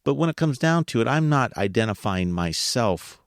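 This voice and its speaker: A man's voice: mid-range voice, big pitch swings, moderate pace, clear, resonant tone, no echo, studio quality. A man hosting a podcast, talking casually to listeners, asking them rhetorical questions and chuckling as he goes. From United States. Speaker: podcast host.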